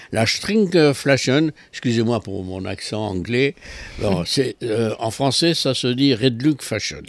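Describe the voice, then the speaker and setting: A man's voice: mid-range voice, no room sound. A man giving a consumer affairs column on local radio, explaining with ironic asides.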